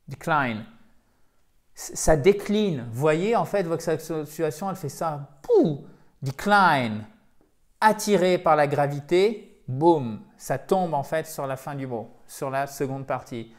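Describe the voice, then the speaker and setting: A man teaching English pronunciation, drilling words slowly and emphatically. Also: on the high side, darkish tone. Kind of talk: pronunciation lesson.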